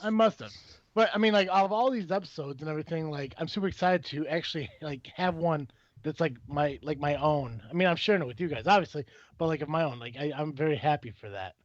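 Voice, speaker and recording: Excitable rambling male podcast host. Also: fairly high pitch, fast talker, dry recording, highs cut off. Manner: excited, rambling with many restarts and fillers. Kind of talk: casual podcast chat.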